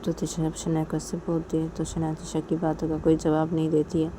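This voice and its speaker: Woman narrating a story, low mellow voice, matter-of-fact, faint traffic noise. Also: completely flat delivery, a little fast.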